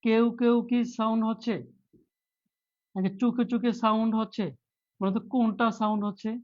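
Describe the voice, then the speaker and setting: A man's voice: high-pitched, little pitch movement, a little fast, darkish tone, muffled recording. A male teacher giving a live online lesson, quizzing his students by repeating questions and urging them to answer. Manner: playful, acts out a mock plea before teaching, quizzes students with repeated questions.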